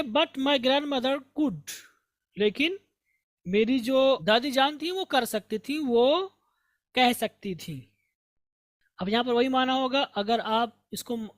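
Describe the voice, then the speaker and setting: A man teaching an English text, reading each line slowly and then explaining it in detail. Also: high voice, dry recording. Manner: reads English lines slowly, then explains them at length. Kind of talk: line-by-line textbook translation lesson.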